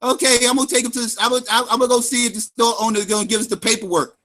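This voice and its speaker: A man's voice: very high-pitched, fairly even intonation, very fast, fairly bright tone. A man giving angry, profane, sarcastic commentary on a livestream.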